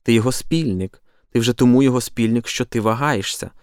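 A man's voice: medium pitch, fairly even intonation, brisk, no room sound, clean studio sound, lightly acted. A man reading the part of a fiery, impulsive apostle who talks in a heated, insistent, accusing way. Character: fiery, impulsive male apostle, middle-aged.

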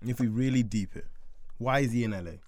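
A man's voice: mid-range voice, fast talker, a little mellow, slight background noise. A man co-hosting a casual basketball podcast, making emphatic points and steering the talk. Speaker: podcast co-host. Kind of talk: casual sports chat.

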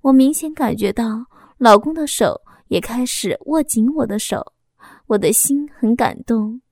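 A woman with a fairly high voice reads a first-person audio story aloud. Her delivery is soft, steady and unhurried, and the sound is dry and close, with no room echo. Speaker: narrator.

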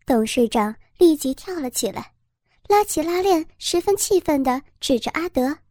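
A woman narrating a story in a steady, even storytelling voice. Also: high voice, normal speed, no echo. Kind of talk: scripted narration.

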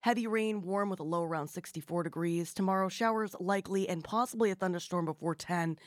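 A woman radio host with a slightly low voice, recorded very dry and close. She speaks conversationally, as a presenter does on air. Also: a little fast, dry recording.

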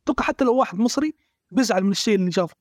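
A man's voice: high-pitched, expressive, racing, dry recording, studio quality. A man in a casual gaming discussion, blunt and emphatic as he complains.

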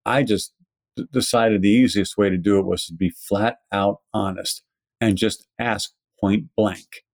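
Speaking at a measured pace with fairly even intonation, this Brooklyn-accented man has a lowish, creaky voice and no room sound. As an interviewed pharmacist educator, he explains things in an emphatic, conversational way and poses rhetorical questions.

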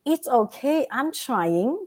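A woman with a Vietnamese accent speaks slowly in a high, sing-song voice. She's a guest in a motivational interview, giving earnest advice and often checking in with "right?".

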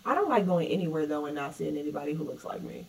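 A woman with a lowish voice, speaking loosely and expressively, swearing casually as she chats. She sits a little back from the microphone, so she sounds slightly distant. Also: expressive, fast talker, gravelly, a little mellow. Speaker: yoga instructor. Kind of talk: casual podcast chat.

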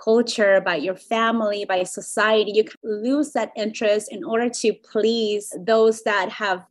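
A woman's voice: medium pitch, fairly even intonation, unhurried. A woman in her thirties from Ecuador, a life coach telling her story as a podcast guest. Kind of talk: casual interview chat.

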